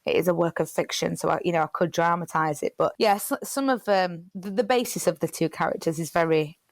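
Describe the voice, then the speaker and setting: A woman's voice: fairly low pitch, fairly quick, no echo. A young woman, a playwright chatting casually in an interview, rambling with lots of fillers and restarts. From Britain. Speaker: playwright and theatre director. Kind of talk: casual chat.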